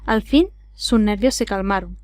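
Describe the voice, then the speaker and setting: A woman's voice: medium pitch, moderate pace, a little mellow, no echo, studio quality. A woman with an Andalusian accent reading a classic adventure novel aloud as scripted narration. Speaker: audiobook reader.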